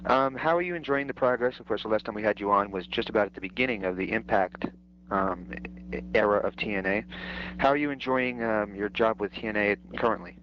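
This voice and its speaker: A man's voice: fairly low pitch, brisk. A man hosting a show, interviewing guests in a casual radio style. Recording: muffled lo-fi recording, faint noise.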